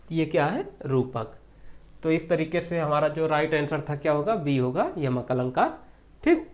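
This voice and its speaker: A Hindi exam-prep teacher lecturing on grammar questions, who repeats key phrases and asks the class rhetorical questions. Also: medium pitch.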